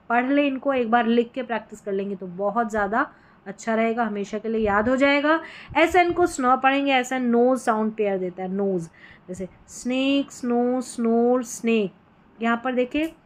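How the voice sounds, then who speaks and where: A woman teaching English spelling sounds in a phonics lesson, patiently repeating each word and checking with quick questions. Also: fairly high pitch.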